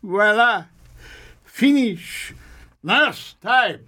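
A man doing a slow, boastful old Russian surgeon. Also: high-pitched, lively intonation, bright, forceful tone, full character voice. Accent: put-on Russian. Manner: slow, drawn-out, self-satisfied. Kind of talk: acting class scene.

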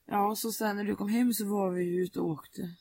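Young woman with a gravelly, husky voice. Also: medium pitch, fairly even intonation, darkish tone, no echo. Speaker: podcast co-host. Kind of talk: casual chat.

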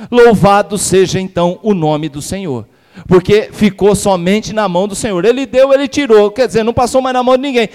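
A man's voice: high-pitched, darkish tone. A male pastor with a Brazilian Portuguese accent, preaching a sermon emphatically, firing rhetorical questions and calling for amens. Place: church sanctuary. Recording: reverberant church hall.

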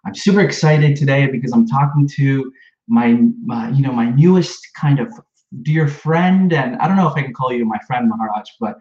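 A man's voice: mid-range voice, normal speed, darkish tone. A man hosting a podcast interview, chatting casually with plenty of fillers and restarts. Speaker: podcast host. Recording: echoey room, slightly dull sound.

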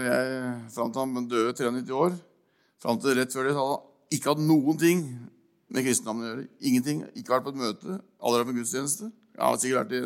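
An older man preaching informally, his voice gravelly with fry. He talks in a halting way, repeating words and stopping on fillers. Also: mid-range voice. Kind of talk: informal sermon with personal story.

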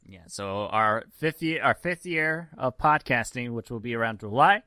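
A man's voice: medium pitch, animated, normal speed, sharp tone, clean tone, no room sound, studio quality. A young man co-hosting a casual podcast, joking and teasing his friends. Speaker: podcast co-host. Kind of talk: casual chat.

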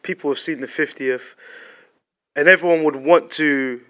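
A man's voice: a little high, normal speed, fairly bright tone. A young man with a London roadman accent, chatting casually as a podcast co-host and repeating phrases for emphasis. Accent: London, urban street slang. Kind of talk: casual group chat.

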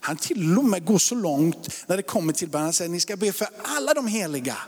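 A man in his forties, a pastor preaching a sermon, rising to loud emphasis and dropping to hushed whispers. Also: sits high, very animated, slightly rough. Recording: long hall reverb.

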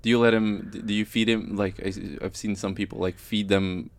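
A man co-hosting a podcast in casual chat, asking teasing questions in a halting way. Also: lowish voice, level tone, clear, resonant tone. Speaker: podcast co-host.

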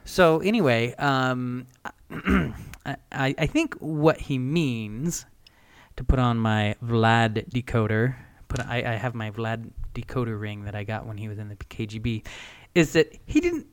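A man co-hosting a podcast in casual chat, reading news aloud in a smooth, soothing newscaster-like way and joking often. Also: mid-range voice, unhurried, no room sound. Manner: chatty, jokey, laughs often. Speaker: podcast co-host.

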